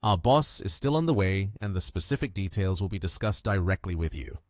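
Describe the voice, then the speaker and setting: A man doing a bossy sales director in a storybook recap who keeps shouting people out of his way, his voice jumping up high and loud. the delivery is lively and animated, and the dry, close sound leaves no room echo around the voice. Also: brisk. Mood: deferential. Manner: shouting, brusque.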